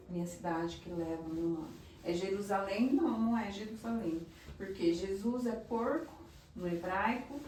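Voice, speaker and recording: A woman slowly explaining Hebrew names, checking in with her listeners as she teaches. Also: medium pitch, recorded from a distance, slight background noise. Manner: slow, explanatory, often checks in with "tá?". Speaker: religious teacher. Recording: echoey room, voice a bit off-mic.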